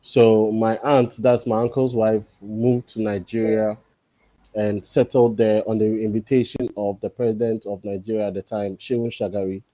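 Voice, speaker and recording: Mellow low-voiced man. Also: flat delivery, no room sound. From Ghana. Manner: thoughtful, pauses often with drawn-out fillers. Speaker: podcast guest. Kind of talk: casual interview conversation.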